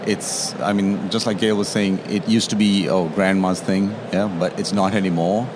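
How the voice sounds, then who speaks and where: A Sri Lankan tea taster explains his trade in an interview, often tagging his statements with "yeah?" to check in. His low voice stays fairly even at a normal speed, recorded on a noisy trade show floor.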